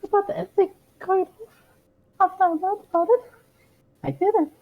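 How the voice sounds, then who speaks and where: A woman voicing a flustered young woman in a squeaky, cartoonish mouse-like voice, breathless and stammering, in an amateur comedic reading on a muffled, lo-fi recording. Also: fairly even intonation, normal speed.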